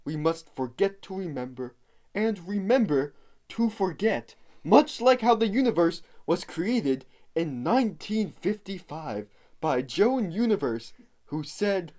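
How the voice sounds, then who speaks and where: A man voicing a pompous, know-it-all male bison scientist puppet who speaks with solemn, deadpan grandeur. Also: high-pitched. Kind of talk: puppet comedy sketch.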